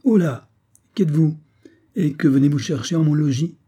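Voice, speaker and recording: A man's voice: medium pitch, normal speed, mellow, breathy edge, lightly acted. A man voicing a proud young Saxon officer who speaks in a commanding, indignant way. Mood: stern.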